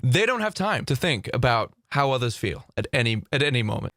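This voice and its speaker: A man talking casually to camera as a YouTuber, dramatic and theatrical, jumping between hushed asides and loud outbursts, recorded close on the mic. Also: medium pitch, sing-song, brisk, no echo. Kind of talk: casual video commentary.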